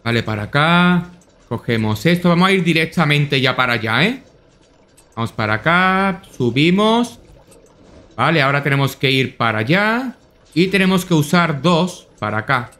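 A young man with a Spanish accent from Spain talks through a game as he plays, swearing often and muttering to himself. His voice sits high and leaps up and down, with a bright, forceful edge. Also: sing-song, moderate pace. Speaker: gameplay streamer. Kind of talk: casual gameplay commentary.

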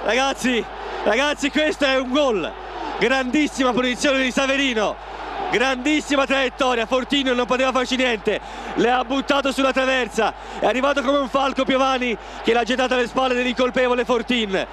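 A man co-commentating on football in breathless, excited Italian goal commentary, exclaiming in short bursts. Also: very high-pitched, normal speed. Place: outdoor football stadium stand. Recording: noisy outdoor stadium TV broadcast.

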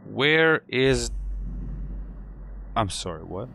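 A gaming channel host, a man, provides let's play commentary on a horror game, jumpy and swearing as he talks to himself and the game. His mid-range voice is creaky and sharp in tone, delivered very slowly with big pitch swings. There is slight background noise.

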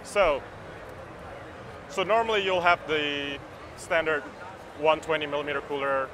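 In a busy indoor expo hall, a man in his thirties explains a product at his trade show booth, earnest and agreeable, often repeating words as he goes. His voice is on the high side with fairly even intonation and a measured pace, picked up by a close handheld camera mic over a noisy background.

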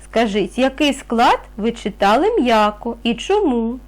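A woman's voice: a little high, very animated, unhurried. A woman teaching a reading lesson to young children, patient and encouraging, asking questions and answering them herself. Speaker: primary school teacher.

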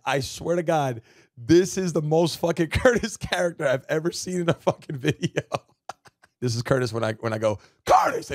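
A man's voice: fairly high pitch, no echo, clean studio sound. A man streaming live, chatting with his viewers and telling stories with lots of swearing. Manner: loud, profane, storytelling, keeps addressing chat. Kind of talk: casual live-stream chat.

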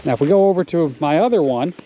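A farmer strolls through his aquaponics setup of fish and plant tanks, casually narrating each step with lots of pauses and "uh"s. His voice is fairly high, dark in tone, with lively intonation. Captured outdoors on a wearable action camera, the audio is muffled and noisy, with running water in the background.

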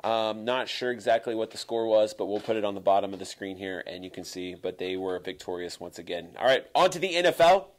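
A man's voice: fairly low pitch, animated, fairly quick, hardly any pauses. A man hosting a casual sports recap, chatty and jokey, often correcting himself. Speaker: host.

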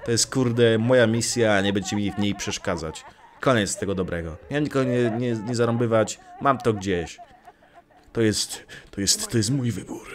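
A man's voice: lowish voice, normal speed. A young man casually commenting on his gameplay, joking, swearing lightly and talking back to the game characters. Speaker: let's play gamer.

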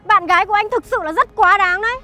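A young actress playing a sly young woman who flatters an older mother. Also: extremely high pitch, fast, faint music behind. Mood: indignant. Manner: sweet-talking, flattering, sharp when accusing.

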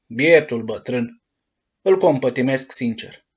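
A man doing a hoarse gruff puppet-master. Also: mid-range voice, animated, muffled recording. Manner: gruff, shouting, sneezing. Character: gruff bearded puppet-master, hoarse, grumpy but soft-hearted.

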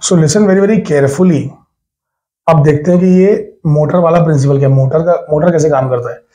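An Indian man teaching physics in a recorded exam-prep lecture, his voice a little high but warm and mellow. He talks in a chatty, teasing way, repeats phrases as he writes, and mixes English terms into his speech. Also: moderate pace.

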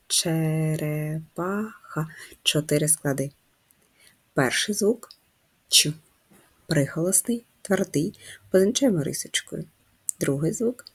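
A woman's voice: deep voice, a little mellow, husky. A woman teaching a first-grade handwriting lesson, patiently encouraging the children and guiding them step by step. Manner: slow sing-song chanting of a children's rhyme.

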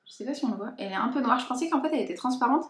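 Racing along with lively intonation, this young woman's high-ish voice carries her haul and unboxing vlog. The lifestyle and beauty vlogger talks informally and hesitantly, working through her thoughts out loud in an echoey room.

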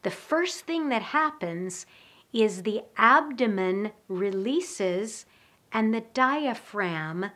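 A woman voice coach leading a guided breathing lesson, speaking in a slow, calm, instructional way. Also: mid-range voice.

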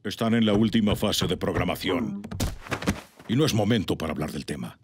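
A man's voice: low-pitched, fairly quick, slight background noise, lightly acted. A man voicing a haughty, scheming royal flamingo in a cartoon, pompous and imperious. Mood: cold, impatient. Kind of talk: animated series villain acting.

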